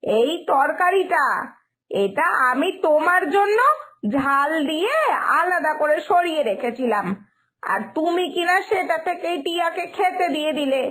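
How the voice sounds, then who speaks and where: A woman voicing a stern middle-aged mother-in-law who scolds slowly in a lowered voice, for a cartoon story. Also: animated, a bit bright, exaggerated voice. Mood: explaining.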